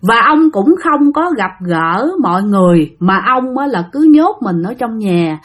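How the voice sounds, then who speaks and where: A woman's voice: a little high, lively intonation, measured pace. Chatty Southern Vietnamese woman storyteller. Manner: chatty, stretches phrases with trailing "á". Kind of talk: conversational ghost-story narration.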